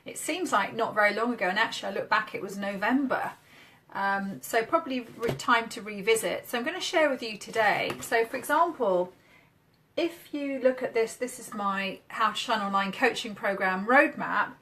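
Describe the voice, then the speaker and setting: A woman's voice: mid-range voice, moderate pace, bright, forceful tone. A woman from the UK, a marketing coach, chatting upbeat and casual on a live stream while demoing on screen. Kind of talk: casual Facebook Live chat.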